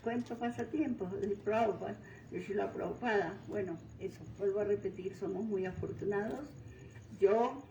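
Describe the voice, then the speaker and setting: An older woman from Venezuela giving a devotional talk, pausing often and searching for words. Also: medium pitch, creaky, mellow, slight background noise. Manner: unhurried, searching for words, frequent fillers. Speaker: guest speaker. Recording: distant mic in roomy hall.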